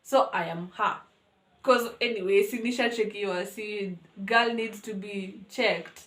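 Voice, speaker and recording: A young woman with a Kenyan accent telling a school story on her vlog in an animated, dramatic way. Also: mid-range voice, a little slow, reverberant. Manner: animated, dramatic, code-switching. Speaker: vlogger.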